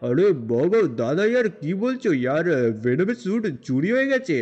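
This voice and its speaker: A man's voice: high voice, very animated, fairly quick, a little mellow, lo-fi sound. A man role-playing a boastful young game hero, talking in a rambling, chatty way. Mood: worried. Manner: rambling, chatty, repeats fillers. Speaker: gameplay narrator and role-player. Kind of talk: game role-play narration.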